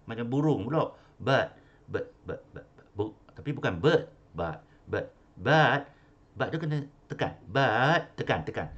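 The recording is muffled, and the speaker is a man whose voice is lowish and a bit bright. Coaching pronunciation in an online English class, he speaks with a Malaysian accent, repeats phrases, corrects stress and slips into Malay.

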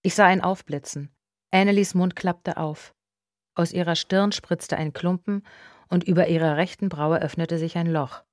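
A woman with a lowish voice narrates a thriller audiobook in a hushed, tense first-person telling. The recording is close and dry, with no room sound around her. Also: fairly even intonation, moderate pace, no echo.

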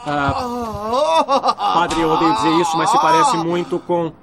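A man dubbing an earnest young groom in a film, guessing quickly and excitedly. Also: sits high, creaky, a loud crowd, exaggerated voice. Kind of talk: dubbed film acting.

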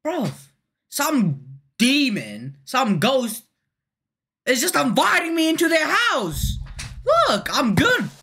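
A woman giving horror game commentary, jumpy and slangy, breaking into loud exclamations. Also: high-pitched, huge pitch swings, takes it slowly, long pauses. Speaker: gaming YouTuber.

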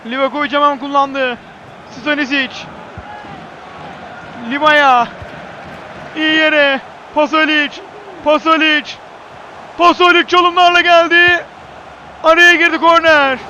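A man giving live football commentary in clipped phrases, repeating player names emphatically and shouting excitedly at key moments. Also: very high voice, slow pace, long pauses, slight background noise, low-quality recording.

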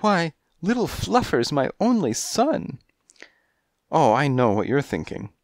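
During a storybook reading, a man voices a flirtatious, dainty female cat, speaking breathily, gushing and coy. He pitches his fairly high voice above his natural range, sounding very animated yet a little slow, in a clean studio recording with no room sound.

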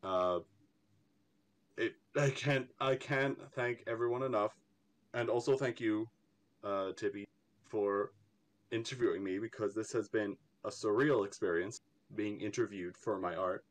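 In a lowish voice at a measured pace, a young Irish man with a faintly American-influenced accent chats as a guest artist in an interview. He rambles, stammers and laughs often throughout the easygoing conversation.

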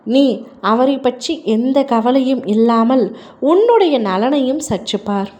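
A woman delivering a devotional message in a deity's voice, tender and consoling as she speaks slowly and earnestly to a worried listener. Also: on the high side, warm tone. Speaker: devotional narrator. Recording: dull lo-fi recording.

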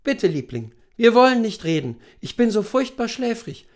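A man reading the part of a wealthy American wife, soft, sleepy and taunting. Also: on the high side, big pitch swings, moderate pace, pitched above the performer's own voice. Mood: languid, taunting.

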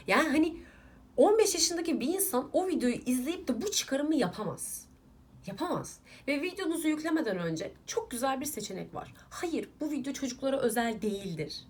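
A woman's voice: fairly high pitch, breathy edge. A young woman vlogger, casually ranting at viewers while doing her makeup, irritated and emphatic. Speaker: beauty vlogger.

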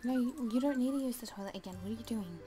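A woman's voice: fairly high pitch, very fast, warm tone, soft background music, poor audio. A woman casually commenting as she plays a life simulation game, chatty and hesitant, full of ums, and talking to the game characters. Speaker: let's play gamer.

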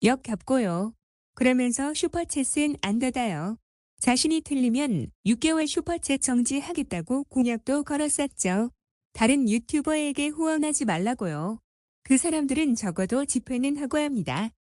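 A woman's voice: high-pitched, animated, normal speed, a little mellow, no echo, studio quality. A woman reading scripted voice-over commentary in a scornful, mocking tone. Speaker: commentary narrator.

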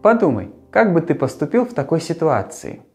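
A man in his thirties presenting to a young child as a children's show host, speaking in a friendly, simple and deliberate way into a lapel mic. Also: a little high, sing-song, faint music behind. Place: small furnished room, later a martial arts hall.

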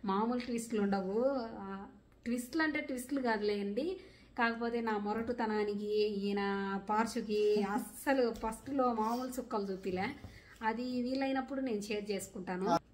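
A woman's voice: on the high side, moderate pace, darkish tone. Earnest young woman with a Rayalaseema accent. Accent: Rayalaseema Telugu. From Rayalaseema, India. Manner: earnest, rustic village dialect, defends herself plainly. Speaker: vlogger. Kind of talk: casual Q&A vlog.

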